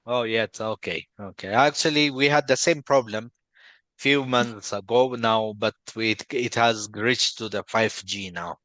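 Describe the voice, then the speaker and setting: A man from Ethiopia hosting a video call meeting and presenting, friendly and halting with many fillers and restarts. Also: medium pitch, pushed and bright, dry recording. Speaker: meeting host, company founder.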